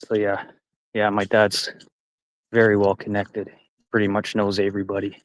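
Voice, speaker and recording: A man's voice: fairly low pitch, completely flat delivery, normal speed, no echo, low-quality recording. A Canadian man in his forties rambling casually and profanely on a live stream while hiking a forest trail. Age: 40s.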